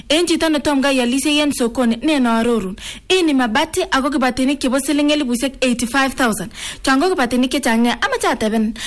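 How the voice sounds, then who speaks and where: A high-pitched woman with a Kenyan accent hosts a live radio giveaway. She repeats herself and exclaims, mixing languages over faint music. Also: a bit bright. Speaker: radio host. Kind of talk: live radio giveaway promotion, code-switching chat.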